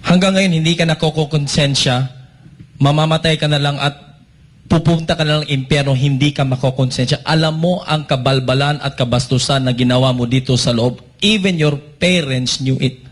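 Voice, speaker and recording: A man's voice: fairly high pitch, steady tone, normal speed. A Filipino man making an impassioned, accusatory statement on behalf of his church. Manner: accusatory, emphatic. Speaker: church member speaking out.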